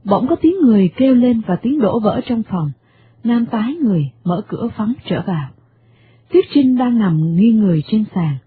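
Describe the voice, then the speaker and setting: A woman's voice: fairly high pitch, moderate pace, a little hiss or hum. A woman narrating a radio drama expressively, over a tinny medium-wave broadcast. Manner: expressive storytelling.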